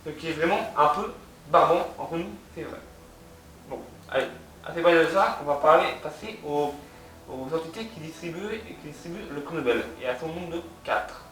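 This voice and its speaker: A man with a French accent talks through his notes in a lecture, stumbling often and restarting his sentences. His voice sits a little high and sounds distant from the mic. The room is very echoey. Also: expressive, normal speed, a bit bright. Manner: many hesitations and restarts, reads out web addresses. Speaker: culture video host. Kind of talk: hesitant spoken lecture from notes.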